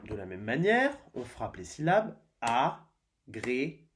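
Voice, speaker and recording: A man teaching a spelling lesson to young children, slow and deliberate, sounding out syllables and letters one by one. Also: medium pitch, huge pitch swings, background noise. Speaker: primary school teacher.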